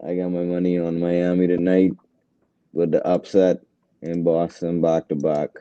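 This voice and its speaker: A man's voice: low-pitched, completely flat delivery, a little slow, mellow, smooth, no room sound, dull audio. A man co-hosting a casual sports chat, brash and slangy, talking up his picks with swagger. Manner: brash, slangy trash talk. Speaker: co-host.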